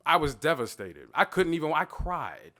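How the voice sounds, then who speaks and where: A man in his thirties gives an animated gallery talk about his own art. His pitch sits fairly high and swings a lot as he talks. His voice is bright, and he wanders off into stories, acting out the voices in them. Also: moderate pace. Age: 30s. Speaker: artist talking about his own work. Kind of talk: gallery talk, casual storytelling.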